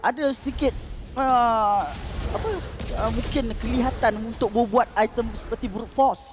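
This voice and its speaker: Very high-pitched Malaysian male esports commentator. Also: steady tone, normal speed, background noise. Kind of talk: live game analysis commentary. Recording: broadcast with loud music behind. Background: music.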